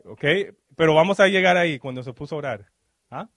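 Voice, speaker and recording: A man's voice: on the high side, lively intonation, dry recording. Man preaching, constantly asking "ok?". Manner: peppers speech with quick "ok?" checks and questions to the congregation; mixes English fillers into Spanish. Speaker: minister. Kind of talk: sermon. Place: church service.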